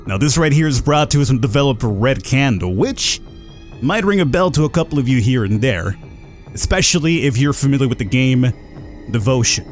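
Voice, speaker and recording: A man's voice: medium pitch, expressive, fairly quick, faint music behind. A man hosting a gaming video with casual, slangy, laid-back commentary, sometimes reading on-screen text aloud.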